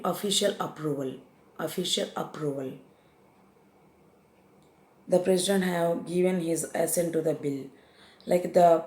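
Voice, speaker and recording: A woman speaks in a low-leaning, dark-toned voice, recorded with a roomy sound. With an Indian English accent, she runs a vocabulary lesson on commonly mixed-up English words, going over each definition again and hesitating with fillers often.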